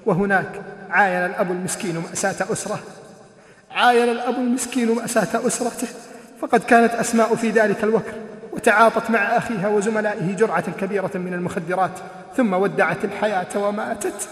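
A man giving an emotional sermon, telling a moral story dramatically and rising into chanted, near-shouted pleas. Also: sits high, fairly even intonation, fast talker. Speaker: preacher. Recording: echoey hall recording.

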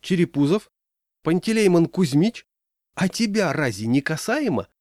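A man voicing a burly bearded village man, shouting commands in folksy rustic speech. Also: mid-range voice, sing-song, unhurried, no room sound, studio quality. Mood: commanding.

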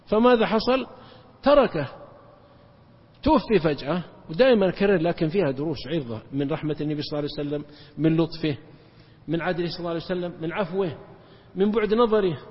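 Rapid high-voiced preacher in an echoing hall. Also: male voice, husky. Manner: emphatic, rapid, jumps in pitch for emphasis. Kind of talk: religious lecture storytelling. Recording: dull lo-fi recording with long hall reverb.

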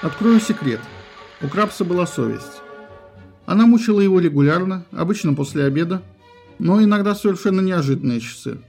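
Male audiobook narrator, light high voice, expressive theatrical delivery, soft music bed underneath. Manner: lively, theatrical storytelling.

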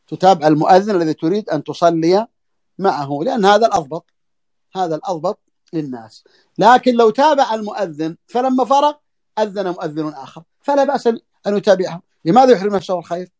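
Fast-talking man teaching a religious lesson. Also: sits high, darkish tone. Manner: repeats phrases for emphasis. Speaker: sheikh teaching a book.

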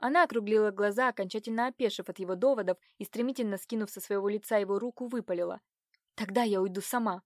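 A woman narrating a historical romance novel in an even, measured reading voice. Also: mid-range voice, no echo. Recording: dry close recording.

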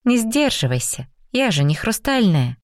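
A woman's voice: a little high, sing-song, normal speed, no echo, studio quality, voice pushed up. Woman doing an eager young woman in love. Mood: earnest. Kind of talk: audiobook reading.

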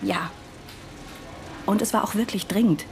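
Faint music plays behind an actress whose unhurried, medium-pitched delivery sounds close to an everyday voice. She portrays a chatty, eager young woman in the wartime resistance, polite and earnest, with a candid, earnest mood in a naturalistic radio drama.

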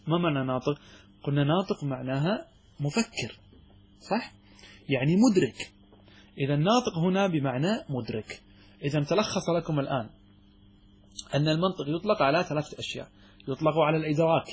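A man's voice: a little high, slightly rough. A man teaching a class as a sheikh, who asks his students questions, answers them himself and often stops and restarts his sentences. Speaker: sheikh teaching a logic text. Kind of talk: classroom lecture.

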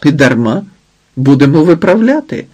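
Chatty jovial son-in-law, boisterous, husky edge, as a man does him. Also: medium pitch, unhurried, heavily acted. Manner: lively, jovial, loud. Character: cheerful talkative son-in-law, joking and flattering.

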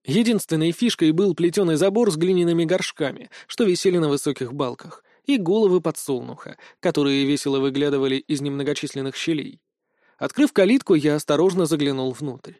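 A man narrates a first-person story in a calm, even voice. His voice sits a little on the higher side for a man, and it is recorded close and dry. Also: dry recording. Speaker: audiobook narrator.

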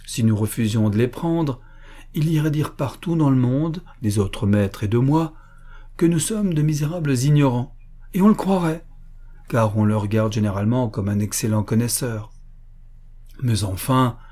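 A man voicing a worldly, shrewd orchestra conductor who explains things in a knowing, amused way, in a husky voice. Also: medium pitch, dark tone, lightly acted.

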